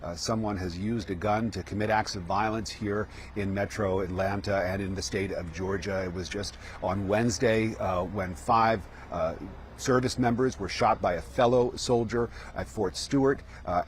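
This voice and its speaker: Male live reporter, fairly low register, halting ad-lib delivery, light outdoor noise. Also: steady tone. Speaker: field news reporter. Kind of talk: live news reporting, ad-libbed. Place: outdoors at the scene. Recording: outdoor street and traffic noise.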